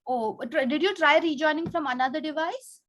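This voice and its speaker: Over an online video call, a woman with a high, brisk, slightly bright voice hosts a contest and teaches. She explains the rules to children in an instructive way and prompts them with questions.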